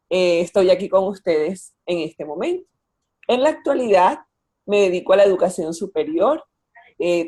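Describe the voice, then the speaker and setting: Husky-voiced Colombian coastal woman. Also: fairly low pitch, warm tone. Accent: Colombian Caribbean coast. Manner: friendly, explanatory, with many fillers. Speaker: children's author and educator. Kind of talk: virtual talk to schoolchildren. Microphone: video call.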